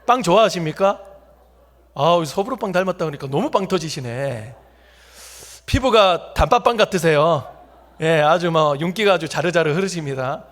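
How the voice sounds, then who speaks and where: Brief: male pastor, high voice, jokey storytelling sermon that teases the pews. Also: expressive, moderate pace, a bit bright. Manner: jokey, talks directly to the congregation. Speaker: preacher. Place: church sanctuary.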